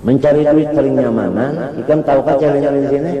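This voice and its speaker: A man's voice: mid-range voice, fast talker, dull audio. A man with a Banjar accent giving a chatty, joking sermon to a congregation, laughing often as he talks. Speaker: preacher. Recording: echoey hall, distant mic, crowd.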